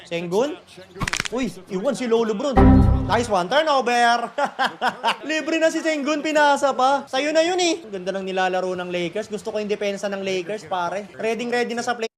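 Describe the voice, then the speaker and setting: Excitable male fan-commentator, very high voice, live game watch-along, shouty and profane. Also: moderate pace, music in the background. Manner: excitable, bursts into shouts and laughs, swears casually. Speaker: basketball fan streamer.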